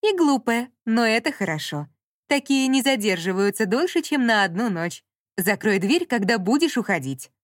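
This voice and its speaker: A woman's voice: a little high, animated, normal speed, no room sound, clean studio sound, close to an everyday voice. A woman doing a snide rude smart-speaker assistant.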